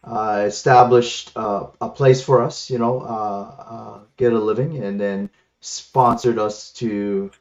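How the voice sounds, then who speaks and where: Over a slightly muffled, lo-fi headset on an online call, a Filipino man whose native language is Ilocano recounts his life in casual answers as an interview guest; he's a martial arts instructor. He speaks slowly, with a fairly low pitch and fairly even intonation.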